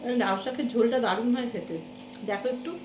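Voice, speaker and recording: A woman's voice: a little high, fast talker. A woman in her thirties with a West Bengal accent, chatting casually to viewers while going about her day at home. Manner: chatty, talks to viewers directly. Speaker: vlogger. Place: home kitchen and rooms. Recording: echoey room with household noise.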